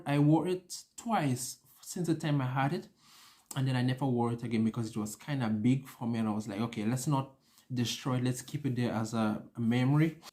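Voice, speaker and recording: With a mellow, medium-pitched voice, a young island vlogger speaks casually to camera. He narrates personal experiences and mimics what people said along the way.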